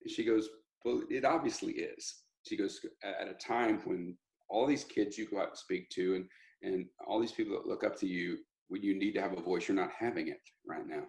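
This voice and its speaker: Animated man telling a story. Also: sits low, a little fast, creaky, low-quality recording. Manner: animated, rambling with restarts and laughs. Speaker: country singer, interview guest. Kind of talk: casual interview storytelling.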